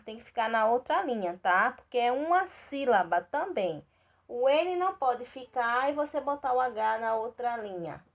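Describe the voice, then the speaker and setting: A patient primary school teacher with a Brazilian Portuguese accent records a remote lesson for young children. Her voice sits on the high side with big swings in pitch, and she spells out syllables slowly and clearly. She keeps repeating things and checking in with "tá certo?" to make sure the kids are following.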